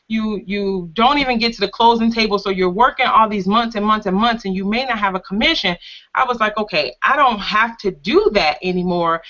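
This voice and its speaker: A woman's voice: mid-range voice, sharp tone. A woman guest on a video call, earnest and grateful as she shares her story. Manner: earnest and grateful, drawn-out phrases. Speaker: guest, mother of a teenager. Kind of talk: casual video call testimonial. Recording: dull lo-fi web call audio.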